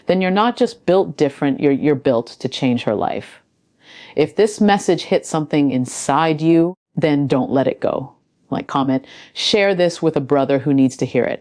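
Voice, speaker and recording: A woman giving an earnest motivational speech, speaking slowly and intimately with dramatic pauses. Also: extremely low pitch, warm tone, no room sound, clean studio sound. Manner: earnest, intimate tone addressed to men.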